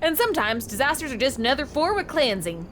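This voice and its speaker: A woman voicing a creepy, soft-spoken male cult worker in a put-on accent, talking in smooth, cryptic, ominous lines. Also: high voice, very animated, fast talker, heavy background noise, pitched above the performer's own voice.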